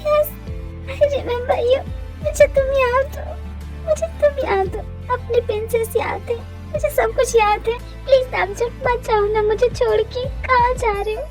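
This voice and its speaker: A woman's voice: very high voice, normal speed. A woman voicing a desperate young woman who begs her lover not to leave, in an amateur audio drama. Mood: tearful. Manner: pleading, soft, breaking into sobs. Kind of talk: Hindi fan audio drama dub. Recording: background music under voice.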